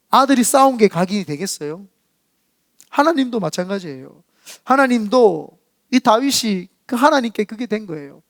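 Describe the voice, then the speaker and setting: A man, preaching a storytelling sermon at a high pitch for a man. He is animated and acts out the voices in his stories. The sound is dry and close. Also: no room sound. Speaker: senior pastor. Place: church sanctuary.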